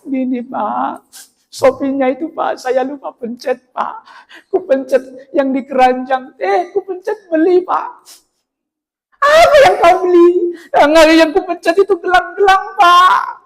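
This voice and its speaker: A man's voice: steady tone, a little slow, creaky, a bit bright, exaggerated voice. A man voicing a wailing, whining wife who has spent the household money. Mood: sobbing plea. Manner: shrill pleading sobbing falsetto.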